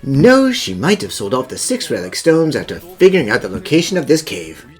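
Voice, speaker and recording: A man plays a calm, courteous cartoon professor. His voice sits at a middle pitch but swings very widely as he reasons aloud, deliberate and earnest. Faint music is mixed in. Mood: thoughtful, explaining. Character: calm gentlemanly male puzzle-solving professor, earnest and thoughtful. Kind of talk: English fan dub of animated mystery.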